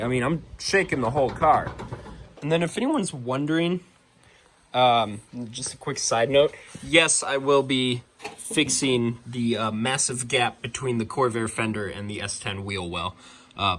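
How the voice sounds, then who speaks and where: A young man in his garage, chatting casually about his car build with lots of fillers and a self-deprecating, excitable manner. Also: medium pitch. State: out of breath. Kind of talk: casual vlog narration.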